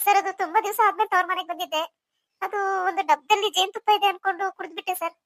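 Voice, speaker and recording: A woman's voice: very high-pitched, steady tone, rapid-fire, a bit bright, dry recording, studio quality. A woman voicing a meek, apologetic young wife in a cartoon story. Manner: meek, pleading.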